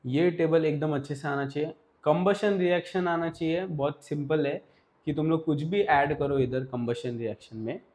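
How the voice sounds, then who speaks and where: A man teaches an exam revision lesson in a casual, directive way, mixing Hindi and English and repeatedly saying "ठीक है" as he checks in with students. His voice is a little high and a little mellow, at a moderate pace.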